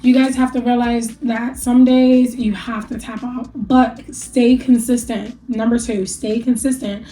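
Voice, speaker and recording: A woman's voice: on the high side, little pitch movement, unhurried, few pauses, dark tone, poor audio. A young adult woman vlogging candidly about her weight loss, chatty and encouraging, laughing now and then and sounding a little stuffy from allergies. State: allergies, a bit stuffy after a rough night. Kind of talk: casual talk to camera.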